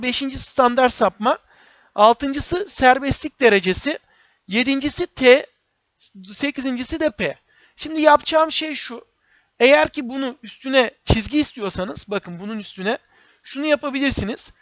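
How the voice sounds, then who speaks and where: In a screen-recorded software tutorial, a very high-pitched male instructor walks through the task step by step, often repeating phrases and addressing viewers as friends. The dry recording has no room sound, and the audio is muffled and lo-fi, like a basic home setup.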